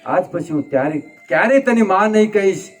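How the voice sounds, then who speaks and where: A man's voice: high voice, animated, moderate pace, faint music behind. A man voicing a young grieving prince who reproaches himself with tearful, impassioned pleading. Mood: anguished.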